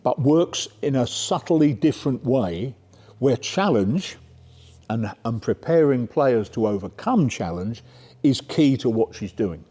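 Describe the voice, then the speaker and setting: A man's voice: medium pitch, lively intonation, a little slow, warm tone, husky. A middle-aged man giving a conversational coaching workshop talk, often checking in with "yeah?". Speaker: sport psychology speaker. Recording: reverberant lecture room.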